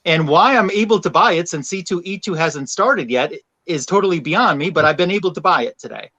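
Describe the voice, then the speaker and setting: A man's voice: a little high, animated, a little fast, bright, forceful tone. A man chatting as a panel guest, telling stories at length with rambling explanations. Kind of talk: casual chat.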